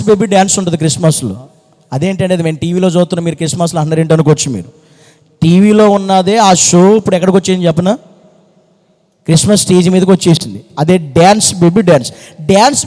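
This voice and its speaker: Fast, high-pitched preaching man in hall. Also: a little mellow. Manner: preaching with fervent rhetorical questions and repetition. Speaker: pastor. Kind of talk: sermon. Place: church hall.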